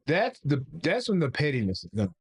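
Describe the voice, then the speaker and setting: A man's voice: a little high, huge pitch swings, brisk, slightly rough. A man hosting a casual tech livestream, rambling and playful and often restarting his sentences. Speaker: livestream host.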